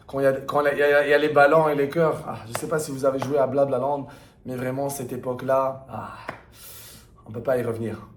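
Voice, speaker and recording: A man's voice: medium pitch, level tone, quick pace, a little hiss or hum. Young man in echoey room. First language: not French, learned it through video games. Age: young adult. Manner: enthusiastic, slangy, repeats himself emphatically. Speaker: gamer sharing memories. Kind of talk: casual rambling chat.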